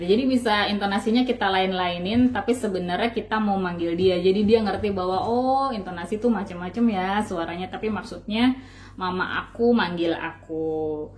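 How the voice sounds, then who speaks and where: A woman from Indonesia talks through child development exercises in a loose, chatty way and often acts out little examples. Her pitch is in the middle, and there is a faint hiss of noise behind her voice. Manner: chatty, loose explaining with fillers and acted-out examples. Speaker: parenting channel host. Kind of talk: casual instructional talk.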